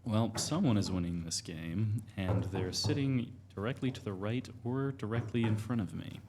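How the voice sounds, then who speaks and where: A man's voice: on the low side, normal speed, background noise. A man playing a card game on stream at a convention, joking and laughing often between plays. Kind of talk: casual table talk at a card game. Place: indoor gaming table at a convention. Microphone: table mic.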